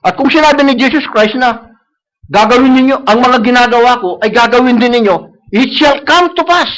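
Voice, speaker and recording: A man's voice: very high voice, normal speed, a bit bright, rough recording. A man preaching a sermon, repeating key phrases and asking the congregation for agreement. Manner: mixes English phrases into Tagalog, repeats key phrases. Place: church service.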